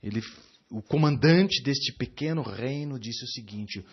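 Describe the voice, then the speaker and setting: A man's voice: medium pitch, a little slow, breathy edge, dull audio. A man with a Brazilian Portuguese accent preaching a sermon, teaching with many fillers and tag questions.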